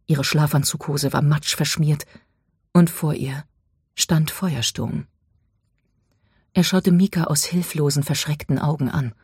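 An audiobook narrator reading a dramatic story, dropping to a hush at tense moments. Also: mid-range voice, measured pace, long pauses, husky, no echo, studio quality.

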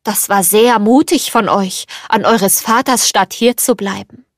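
A woman voicing a kind, motherly teapot in a storybook reading, gentle and fussing. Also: mid-range voice, measured pace, no room sound, clean studio sound.

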